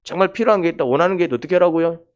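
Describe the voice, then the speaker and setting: A man's voice: on the high side, very fast. Middle-aged male pastor, casual and questioning sermon delivery. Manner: conversational preaching, questions the congregation, acts out quoted lines. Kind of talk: sermon at a Wednesday prayer meeting.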